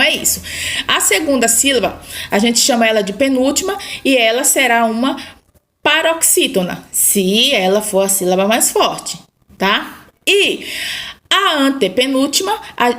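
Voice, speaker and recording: Patient Brazilian woman teaching grammar. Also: fairly high pitch. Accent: Brazilian Portuguese. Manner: patient, repeats "tá?" to check understanding. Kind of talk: online grammar lesson.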